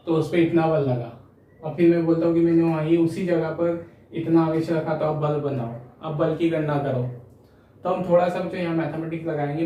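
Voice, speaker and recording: Male physics lecturer, slightly high voice, patient question-and-answer explaining, recorded off-mic in a very reverberant room with faint hiss. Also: warm tone. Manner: explanatory, asks and answers his own questions, frequent "है ना" tags. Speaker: physics teacher. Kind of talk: classroom lecture. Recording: echoey room, voice a bit distant, faint hiss.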